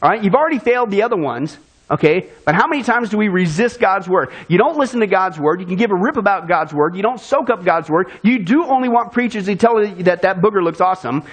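A male pastor preaching a sermon in a folksy, animated way, acting out little asides to the congregation. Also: high-pitched, breathy edge, poor audio.

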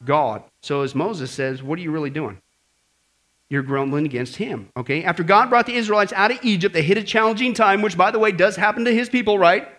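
Man, pastor, church sermon, high voice, bright tone, conversational, asks the audience. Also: fairly quick. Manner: animated, acts out grumbling voices and asks the audience questions.

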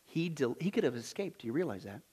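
A man's voice: a little high, sing-song, quick pace, a little mellow, husky. A man preaching a sermon as a pastor, emphatic and exhorting, with rhetorical questions and short, punchy repetitions.

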